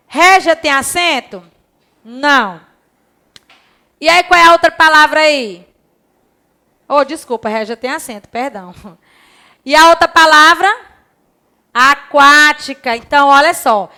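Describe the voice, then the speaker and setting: Woman teacher, bright clear voice, answers her own pupil questions. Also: high voice. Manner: slow, stretched-out reading of words and syllables; asks questions in the pupils' voice and answers them herself. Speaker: primary school teacher. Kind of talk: recorded lesson for young children.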